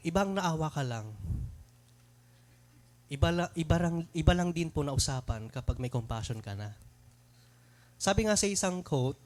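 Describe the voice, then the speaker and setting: A young man with a fairly high voice preaching a sermon to a congregation. He talks conversationally and keeps asking rhetorical questions. His words sometimes stumble and restart as he mixes English phrases into his talk.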